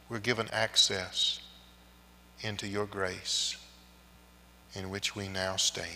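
A pastor leads the congregation in prayer, a man with a bright, forceful tone who speaks very slowly. His measured phrases trail off quietly and ring out in a long cathedral echo. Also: medium pitch. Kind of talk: leading liturgy and prayer. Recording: long echoing reverb of a large church.

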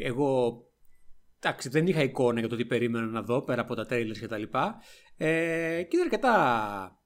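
A man with a Greek accent, co-hosting a podcast and recapping a film in a casual, animated way. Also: mid-range voice. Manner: lively storytelling recap with frequent laughs. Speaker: podcast co-host.

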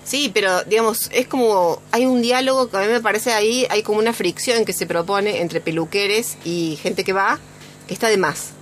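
Woman in her forties, Rioplatense accent, lively talk-show storyteller. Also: medium pitch, moderate pace, slight background noise. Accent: Rioplatense Spanish. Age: 40s. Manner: animated storyteller, acts out voices. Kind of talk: casual chat.

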